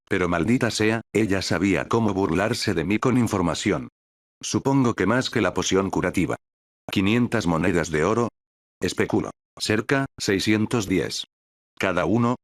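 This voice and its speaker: Low-voiced man narrating a light novel. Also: no echo, studio quality. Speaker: audiobook narrator.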